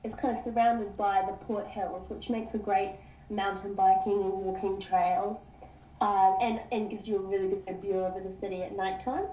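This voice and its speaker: A woman's voice: mid-range voice, steady tone, moderate pace, dark tone, roomy sound, slight background noise, low-quality recording. A woman from New Zealand with a New Zealand accent, a podcast guest chatting casually in a friendly, rambling way. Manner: friendly, rambling, laughs easily. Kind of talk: casual interview chat.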